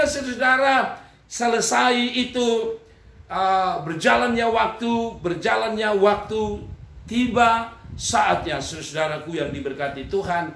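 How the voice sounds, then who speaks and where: A male pastor delivers a humorous sermon. His voice sits fairly high, and his delivery is emphatic and repetitive. The room adds a clear echo. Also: fairly bright tone, slight background noise. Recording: echoey room.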